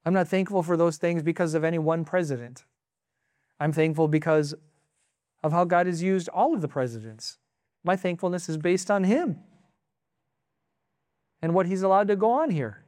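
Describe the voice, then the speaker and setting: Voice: medium pitch, normal speed, long pauses, darkish tone, dry recording, studio quality. A pastor from the United States, preaching a sermon with emphatic, exclaiming asides.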